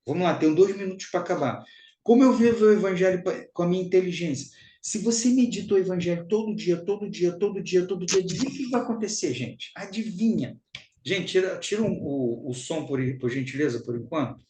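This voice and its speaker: A man's voice: high-pitched, fairly quick, dark tone, reverberant, low-quality recording. A Brazilian man giving a spiritual teaching talk, emphatic and repetitive, calling his listeners brothers and sisters.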